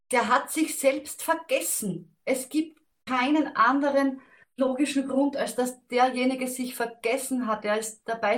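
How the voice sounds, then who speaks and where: A woman speaking gently and reflectively about letting go of anger, thinking aloud as she goes. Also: fairly high pitch. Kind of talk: calm talk on self-help and letting go.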